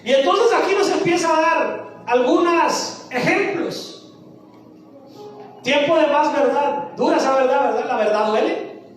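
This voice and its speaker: A woman pastor preaches in a church sanctuary, posing questions to the congregation and answering them herself. Her voice is high and her pace measured. The sound is echoey and far off, with faint music behind it.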